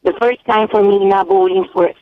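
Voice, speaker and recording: A woman's voice: mid-range voice, fairly even intonation, a little fast, no room sound. Earnest Salvadoran woman caller on a phone line. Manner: hesitant, many ums, earnest. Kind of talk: phoning in to a radio show.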